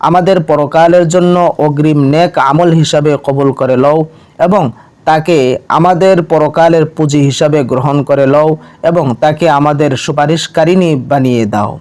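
A man with a Bangladeshi Bengali accent gives step-by-step religious instruction, speaking plainly and chanting the Arabic prayers slowly and carefully. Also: a little high, a little mellow, clear, resonant tone. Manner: slow, measured chanting of prayers between plain explanations. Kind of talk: instructional video narration with recited prayers.

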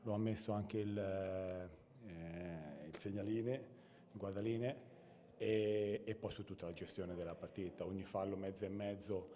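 A man in his forties, a football coach, speaking haltingly and emphatically in an aggrieved post-match interview. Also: deep voice, steady tone, warm tone. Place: indoor press area with sponsor backdrop. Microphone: handheld interview microphone.

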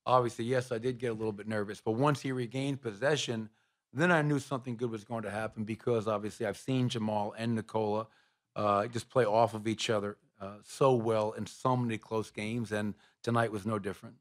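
Speaking low and flat into a table microphone, a middle-aged basketball head coach handles reporters' questions after a game in a press room backed by sponsor logos. He stays steady and measured throughout, often slipping in "uh" and "you know."

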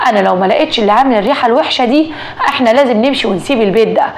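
A nervous, frightened Egyptian housewife, played by a woman storyteller. Her voice is high and rapid, and she keeps bursting into alarmed exclamations. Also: slight background noise, close to an everyday voice. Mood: fretful. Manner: agitated, exclaiming. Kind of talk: storytelling dialogue.

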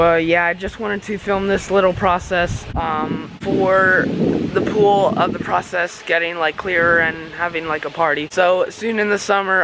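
A fairly high-voiced young man in his late teens talks straight to his viewers in a casual home vlog. He rambles, stops and restarts, and corrects himself as he goes. A faint hiss sits under his voice. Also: pushed and bright, rough recording. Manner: rambling, many fillers and self-corrections. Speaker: vlogger.

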